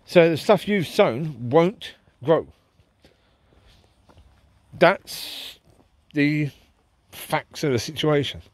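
A fairly high-pitched, animated man draws out his words and pauses often, with no echo around him. He's a vlogger walking his dogs through a park at night, chatting reflectively and ramblingly into a handheld camera.

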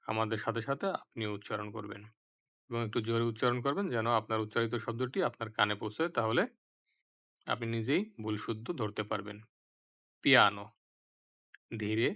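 A man teaching vocabulary, saying each word twice with careful, clear pronunciation. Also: fairly low pitch, a bit bright. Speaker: language teacher. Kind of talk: slow vocabulary lesson.

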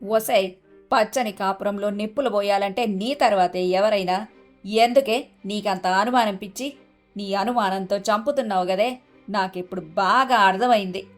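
A blunt, scolding mother-in-law from an animated storybook, played by a woman. She talks in a mid-pitched voice with soft music faintly underneath. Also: normal speed, natural voice. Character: sharp-tongued middle-aged mother-in-law.

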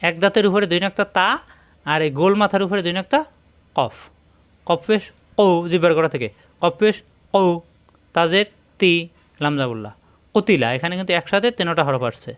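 A man teaching Quran reading step by step, spelling out each letter and vowel mark, then repeating each word slowly. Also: high voice, fairly bright tone, smooth. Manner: repeats the same reminder again and again. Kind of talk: step-by-step recitation lesson.

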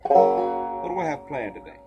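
A man teaching a clawhammer banjo lesson, a little tired, counting beats aloud in a relaxed, casual way. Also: medium pitch, measured pace, highs cut off, over loud music. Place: porch. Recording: banjo playing behind.

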